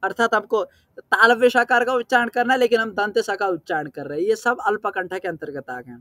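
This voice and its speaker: High-voiced male teacher, patient and clear. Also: bright, forceful tone, no echo, clean studio sound. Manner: patient, checks understanding with questions; recites verse terms slowly and deliberately. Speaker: Sanskrit teacher. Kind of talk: explanatory lesson.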